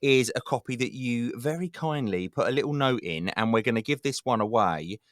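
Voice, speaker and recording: A man hosting a podcast interview, enthusiastic and quick to laugh. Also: mid-range voice, expressive. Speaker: podcast host. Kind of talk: conversational interview.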